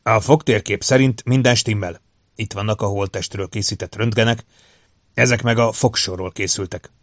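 Guy doing a matter-of-fact coroner type, bit louder and slower, dry room. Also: fairly low pitch, steady tone, no echo. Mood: factual. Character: blunt male medical examiner. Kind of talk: audiobook character voice.

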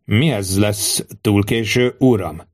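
A man voicing a young Roman centurion who answers his superior calmly and with dry understatement. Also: lowish voice, close to an everyday voice. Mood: dry composed. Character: young male Roman centurion, cool and wry.

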